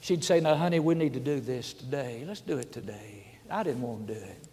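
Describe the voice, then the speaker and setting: A man, preaching a folksy storytelling sermon that swings from hushed asides to loud shouts. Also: mid-range voice, lively intonation, fairly quick. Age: 70s. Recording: reverberant hall.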